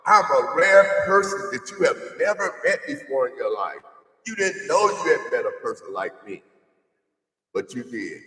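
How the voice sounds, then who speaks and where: A man's voice: medium pitch, sing-song, moderate pace, bright, forceful tone. A sixty-five-year-old man, an addiction counselor, delivering a defiant, preachy monologue and repeatedly addressing the listener as "brother.". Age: 60s. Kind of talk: confrontational monologue. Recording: echoey room, voice far from mic.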